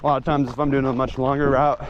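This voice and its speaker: An American man chatting casually to his vlog while running on a trail, breathy with effort as he talks. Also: medium pitch, level tone, quick pace, highs cut off. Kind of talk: casual vlog chat, motivational asides. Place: outdoors on a hilly trail. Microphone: action camera carried while running. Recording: clear outdoor noise from action camera. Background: outdoor trail ambience and noise.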